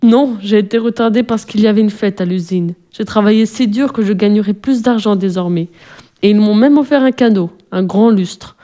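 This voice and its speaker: A woman's voice: medium pitch, normal speed, dark tone, close to an everyday voice. A woman as a hardworking young mother. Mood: tender.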